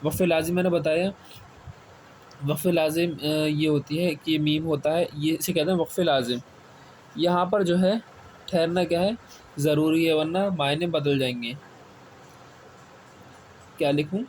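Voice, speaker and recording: Male Quran teacher repeating questions slowly. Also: fairly high pitch, steady tone, a little mellow. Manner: asks questions and answers them himself, repeats key words slowly. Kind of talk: step-by-step classroom explanation. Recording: faint background noise.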